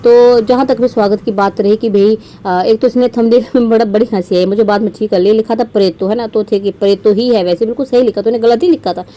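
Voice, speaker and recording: Scolding Indian woman, mellow voice. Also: on the high side, steady tone, fast talker, few pauses. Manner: scolding, sarcastic, many fillers. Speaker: podcast host. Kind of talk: casual roast commentary.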